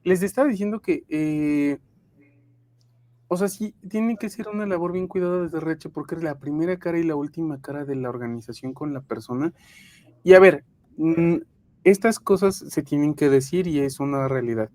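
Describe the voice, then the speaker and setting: A woman's voice: low-pitched, normal speed, dark tone, no room sound. Frank Mexican woman, dry close sound. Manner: frank, explains with many fillers and restarts. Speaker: podcast co-host, HR professional. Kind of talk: casual explanatory chat. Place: connecting remotely over home internet.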